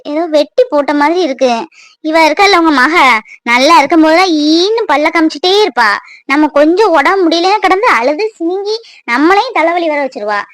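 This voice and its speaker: A woman's voice: no room sound, clean studio sound. A woman voicing a young cartoon mother with an aching back. She scolds and complains in a whiny way. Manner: whiny, scolding, high-pitched. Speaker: mother of a crying baby.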